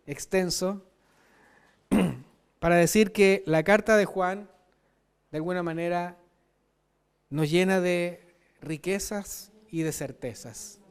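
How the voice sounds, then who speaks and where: High-voiced preacher with smooth tone. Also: male voice. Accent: Chilean Spanish. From Chile. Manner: emphatic, frequent rhetorical "¿cierto?". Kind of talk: sermon.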